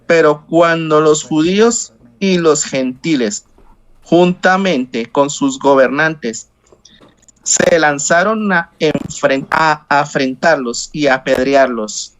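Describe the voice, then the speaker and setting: Slow, halting male scripture reader. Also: fairly high pitch, fairly bright tone, low-quality recording. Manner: slow, halting reading with slips and self-corrections. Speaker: scripture reader in a Bible study. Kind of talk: reading scripture aloud. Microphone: video call.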